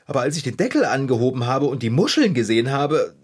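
A man playing an excitable, fussy, cake-loving character in a children's radio play, telling his woes dramatically. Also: medium pitch, fast talker, breathy edge. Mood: flustered. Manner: dramatic, flustered, whiny storytelling.

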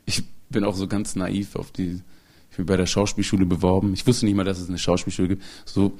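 Male comedian, lower register, casual storyteller who voices the people he quotes. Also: a little fast. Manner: animated, acts out quoted people; laughs often while telling.

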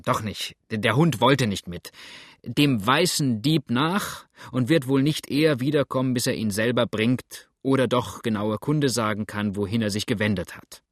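A man's voice: medium pitch, dry recording, studio quality, natural voice. A man doing a grumbling, flustered old farmer. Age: older. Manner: grumbling, rattled, loud outbursts.

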